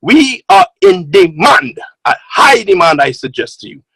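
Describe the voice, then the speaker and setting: A man giving an excited, exhorting motivational talk as a guest speaker on a conference call. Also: high voice, measured pace, vocal fry, slightly rough, no room sound, poor audio.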